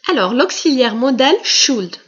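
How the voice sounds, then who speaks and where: A woman's voice: high-pitched, expressive, unhurried, a bit bright, echoey room, dull audio. A French-speaking woman teaching an English lesson, explaining step by step with frequent hesitations and fillers. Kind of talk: language lesson narration.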